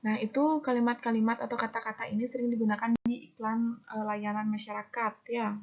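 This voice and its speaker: A woman's voice: on the high side, little pitch movement, a little fast. A woman giving a recorded lesson to students, explaining step by step with fillers as she reads out examples. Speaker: teacher. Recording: dull lo-fi recording.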